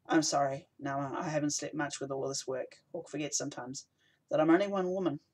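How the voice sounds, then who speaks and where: A man's voice: fairly high pitch, fairly even intonation, fairly quick, darkish tone, natural voice. Brief: man voicing an overworked woman rebel leader, curt, weary, firm, for an audiobook.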